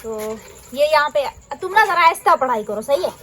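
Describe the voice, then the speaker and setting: High-voiced teasing young woman. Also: expressive, a little fast, a little hiss or hum. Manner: teasing, scolding playfully. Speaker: host's child. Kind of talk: casual family banter.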